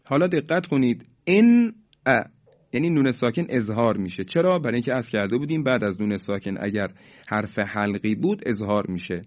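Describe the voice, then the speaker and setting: A man teaching Quran recitation rules, formal and polite, drawing out the example words slowly for listeners to repeat. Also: on the low side, animated, darkish tone, lo-fi sound. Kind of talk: tajweed lesson with recited examples.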